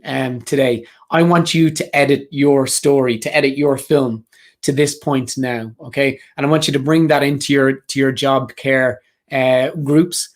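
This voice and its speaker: Male career coach, mid pitch, earnest and direct, repeats key phrases, motivational live talk. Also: steady tone, a little slow. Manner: earnest, repetitive, speaks directly to the audience.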